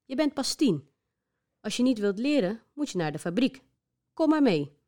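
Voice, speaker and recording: A woman's voice: fairly high pitch, very animated, fairly quick, a little mellow, voice pushed up. A woman voicing a stern, worried father in a children's story, firm and scolding.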